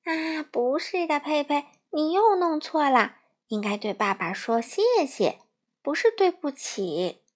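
A woman's voice: sits high, expressive, pitched above the performer's own voice. A woman as patient mother koala. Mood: gentle correcting. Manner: gently correcting, drawn-out words.

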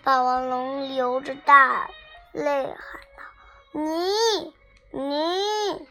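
Slow, bright child reading a storybook. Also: sits high, monotone, soft background music. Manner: halting, repeats and corrects words. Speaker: storybook reader. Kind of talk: reading a picture book aloud.

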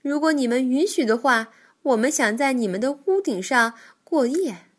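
A woman voicing a polite, scheming male stork in a children's storybook, smooth and coaxing. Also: high voice, expressive, moderate pace. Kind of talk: storybook reading.

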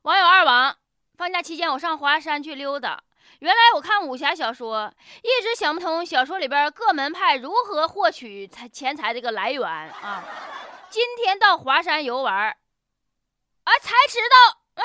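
A woman's voice: high voice, big pitch swings, moderate pace, bright, forceful tone, no echo. A woman with a Northeastern Chinese accent hosting a comedic news commentary show in a colloquial, joking, exaggerated way. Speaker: radio show host.

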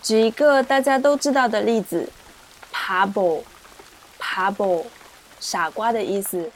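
A woman teaching pronunciation, explaining patiently and repeating syllables slowly for learners. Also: fairly high pitch, lively intonation, slight background noise. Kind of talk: slow, clear teaching explanation with drilled syllables. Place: indoors, rain heard outside.

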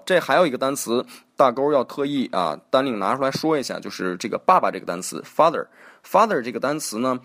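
A man hosting a casual spoken lesson on English pronunciation, chatty, correcting himself as he goes and repeating example words aloud. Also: on the low side. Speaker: host teaching English pronunciation.

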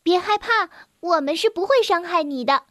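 A woman's voice: very high voice, expressive, moderate pace, pushed and bright, no room sound, clean studio sound, heavily acted. A woman voicing a curious, kind young female chick in a children's storybook, with a soothing way of talking.

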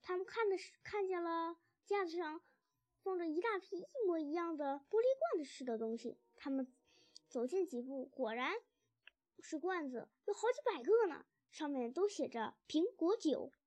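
A woman narrating a children's storybook in a gentle, expressive way. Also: extremely high pitch, normal speed, no echo.

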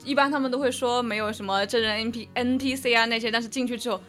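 A woman co-hosting a casual podcast chat, speaking Mandarin with a slight Sichuan accent, lively and eager. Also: fairly high pitch, quick pace. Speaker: podcast co-host. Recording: music playing behind.

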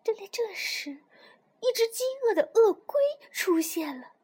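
Storyteller woman, high lively sing-song read-aloud for children. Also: measured pace.

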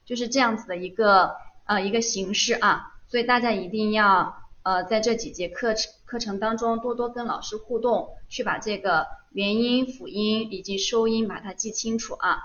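A woman's voice: mid-range voice, moderate pace, fairly bright tone. A patient woman teaches an online class, often asking questions and then answering them herself. Her voice sits in the middle range, and the recording sounds slightly dull. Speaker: Korean language teacher. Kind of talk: online live lesson.

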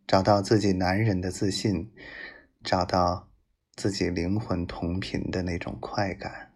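A low, gravelly male voice speaks slowly, as if confessing love to his woman. He is possessive and domineering, with an intense, intimate delivery that sometimes sinks toward a breathy whisper. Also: little pitch movement, a little mellow. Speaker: narrator of love monologues addressed to his wife. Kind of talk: intimate romantic monologue.

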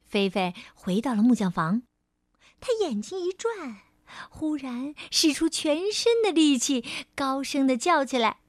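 A woman storyteller reading a children's storybook aloud in a gentle, expressive way. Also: high-pitched, measured pace, no room sound, clean studio sound. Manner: gentle, expressive, lingering on phrases.

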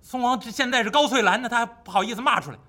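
A man's voice: extremely high pitch, very fast, bright, forceful tone. A man telling a classic story in the traditional storytelling style, vivid and full of spoken sound effects.

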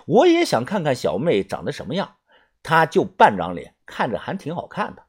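Animated, husky audiobook narrator. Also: mid-range voice, moderate pace. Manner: expressive, animated storytelling. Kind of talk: first-person novel narration.

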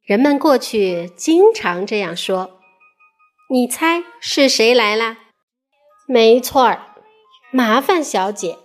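A mother reading a picture book aloud to children in an expressive, playful way. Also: fairly high pitch, slow pace, pauses often, soft background music. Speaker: mother storyteller.

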